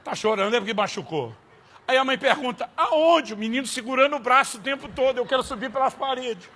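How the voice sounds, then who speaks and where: High, bright-voiced storytelling pastor man. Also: quick pace. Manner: comic anecdotes with acted-out exasperation. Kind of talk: humorous storytelling sermon.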